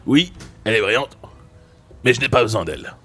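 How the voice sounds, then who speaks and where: A man with a Marseille accent voicing an aloof male cat detective in a deep, hushed voice for a game. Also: animated, brisk. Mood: grave.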